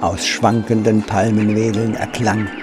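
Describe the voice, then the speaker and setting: A man calmly narrating a children's story in a measured reading voice. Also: lowish voice, over music.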